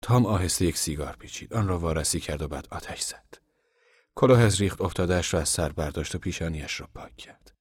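A man narrating a novel in a calm, measured audiobook reading. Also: low-pitched, husky, dry recording, clean studio sound. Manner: calm, measured storytelling, at times hushed.

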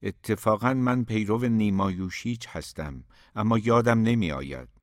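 A man's voice: fairly low pitch, no room sound, studio quality, lightly acted. A man reading an audiobook, voicing a troubled young poet who speaks in a hesitant, subdued way.

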